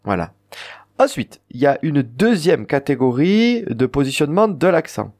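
A man's voice: a little high, big pitch swings, moderate pace, a little mellow. A man with a southern French accent, teaching an Occitan lesson and explaining pronunciation rules with spoken examples. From southern France. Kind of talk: radio language lesson.

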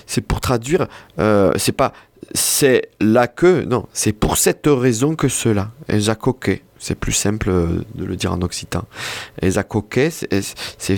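A man's voice: on the low side, no room sound. A man explaining language points, hesitant and full of fillers and restarts. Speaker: co-presenter explaining the Occitan language. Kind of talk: reading aloud and casual explanation.

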